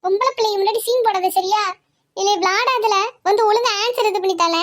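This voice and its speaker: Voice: very high voice, steady tone, a little fast, background noise. A jealous grumbling cartoon schoolboy.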